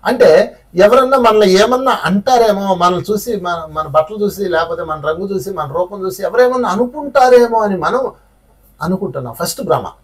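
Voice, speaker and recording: A man's voice: high-pitched, normal speed, slightly rough, distant mic. A man teaching a spiritual class, telling stories in a conversational way and asking his listeners rhetorical questions.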